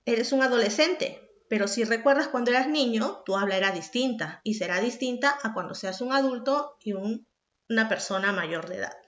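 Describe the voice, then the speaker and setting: High-voiced woman teaching a lesson. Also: moderate pace. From Peru. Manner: explanatory, speaks directly to the student with questions. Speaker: secondary school teacher. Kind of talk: recorded class lesson. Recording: echoey room, dull lo-fi sound.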